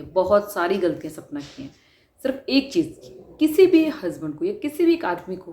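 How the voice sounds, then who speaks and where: A woman's voice: on the low side, a little mellow. A woman vlogger giving an earnest, questioning commentary on a dispute. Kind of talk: spoken commentary. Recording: roomy with faint noise.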